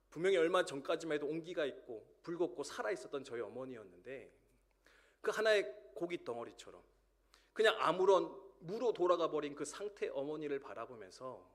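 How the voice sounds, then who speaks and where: A man in his thirties preaching a sermon in a church, telling a story and acting out the voices in it. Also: mid-range voice. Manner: storytelling, acting out a dialogue between students. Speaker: pastor. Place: church sanctuary.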